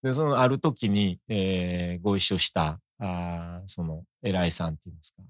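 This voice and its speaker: A middle-aged man with an Osaka accent, a guest in a conversational interview, talking in a measured, reflective way. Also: deep voice, no room sound, studio quality. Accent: Osaka Japanese.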